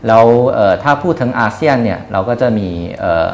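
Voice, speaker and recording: A man in his thirties speaks with a fairly low voice, answering as an interview guest. He is hesitant and breaks his sentences with fillers and repeats. Some room noise sits behind him. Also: animated, gravelly, reverberant. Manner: hesitant, frequent filler pauses and repeated words. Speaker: company executive being interviewed. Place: small indoor showroom office. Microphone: lapel mic.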